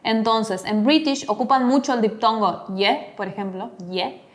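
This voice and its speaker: A woman teaching an online English lesson, explaining step by step and modeling words aloud. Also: on the high side. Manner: explains slowly, demonstrates English pronunciation.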